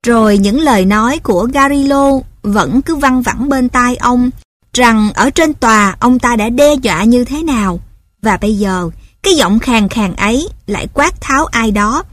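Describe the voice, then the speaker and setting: A woman reading a story aloud in steady, measured scripted narration. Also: on the high side, dry recording.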